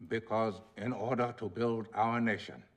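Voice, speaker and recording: An actor playing an elderly male statesman with a South African accent, speaking slowly and solemnly in a film clip. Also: on the low side, steady tone.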